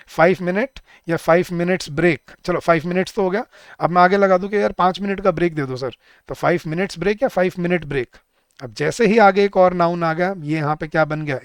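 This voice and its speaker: Indian male tutor, fairly high, smooth voice, dry close sound, explains by asking quick questions and answering them. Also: dry recording. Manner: mixes Hindi with English example sentences. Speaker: English teacher. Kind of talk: online exam-prep lecture.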